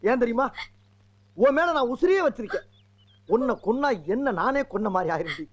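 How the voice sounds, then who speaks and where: A lovesick, boastful village fellow in a film comedy, full of rambling, exclamatory talk. The voice sits very high for a man. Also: sing-song, a little fast, lo-fi sound, exaggerated voice. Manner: exclamatory, rambling comic banter. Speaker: comic actor in a film. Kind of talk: Tamil film comedy scene.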